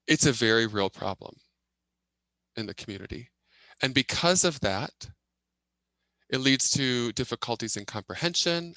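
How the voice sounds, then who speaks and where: Bright-voiced man giving simultaneous interpretation. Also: mid-range voice, clean tone, no room sound, poor audio. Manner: halting phrasing in short bursts. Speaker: sign language interpreter voicing a deaf presenter. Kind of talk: simultaneous interpretation of a signed presentation.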